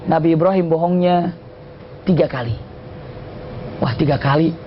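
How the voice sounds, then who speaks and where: A man's voice: on the high side, moderate pace, slight background noise. A man preaching a sermon and telling stories, who often asks questions and answers them himself. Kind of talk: Islamic sermon with storytelling. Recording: dull lo-fi recording.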